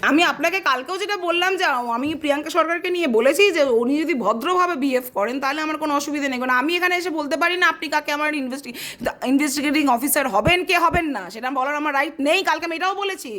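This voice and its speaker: A woman's voice: sits high, rapid-fire, fairly bright tone. A woman arguing with police staff in a station as she files a complaint, insistent and indignant, firing questions, recorded close on her own phone. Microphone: her own phone, held close.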